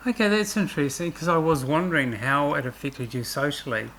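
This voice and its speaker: A woman's voice: low voice, fairly quick, fairly bright tone, a little hiss or hum. A woman hosting a casual interview, asking her co-host questions in a hesitant way with many ums.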